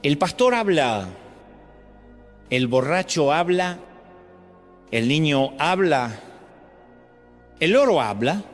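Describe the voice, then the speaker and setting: Lively Argentine pastor preaching. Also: male voice, slow, pauses often. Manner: animated preaching with sweeping pitch jumps. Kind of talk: sermon. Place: large church auditorium. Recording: long hall reverb with faint music. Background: faint music.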